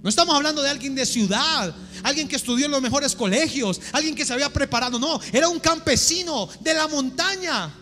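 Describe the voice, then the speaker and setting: A man preaches in a very high, sharp voice, asking his congregation question after question. His voice rings out in a big, reverberant church hall. Soft music plays behind him. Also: brisk, hardly any pauses. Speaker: pastor. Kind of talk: sermon. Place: church sanctuary.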